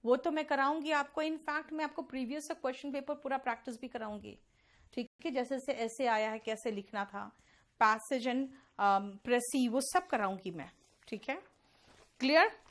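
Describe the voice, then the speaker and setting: A woman with an Indian accent teaching English pronunciation in an online class, addressing students fondly and drilling words slowly. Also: high-pitched, a bit bright. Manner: addresses students as beta, slow deliberate word drills.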